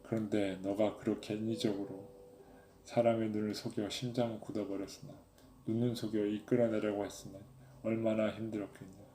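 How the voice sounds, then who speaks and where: A male preacher voicing God as a loving father who speaks tenderly and asks gentle questions. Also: on the low side, little pitch movement, a little fast, close to an everyday voice. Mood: tender fatherly. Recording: echoey room, faint background noise.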